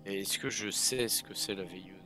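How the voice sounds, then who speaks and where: During a tabletop game, a male player chats playfully and speaks in character. His voice is low-pitched at normal speed, heard over music.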